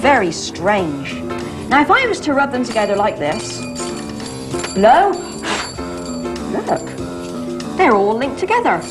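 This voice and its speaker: A woman's voice: on the high side, wildly swooping pitch, takes it slowly, pauses often. A woman performing as a kids party magician, narrating each trick step by step with theatrical magic words. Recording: music playing behind the voice.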